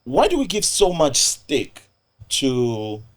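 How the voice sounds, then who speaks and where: A man's voice: mid-range voice, huge pitch swings, slow pace. Man hosting a playful chat. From Zambia. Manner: playful, teasing, leads topics. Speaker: podcast host. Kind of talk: casual chat.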